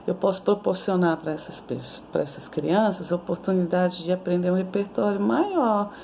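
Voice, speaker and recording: A woman's voice: lowish voice, normal speed, dark tone, a little hiss or hum. A Brazilian woman in her forties giving a conversational lecture on teaching young children, often tagging her sentences with "né?". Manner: conversational, with frequent "né?" tags and restarts. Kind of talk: recorded lecture on early childhood education.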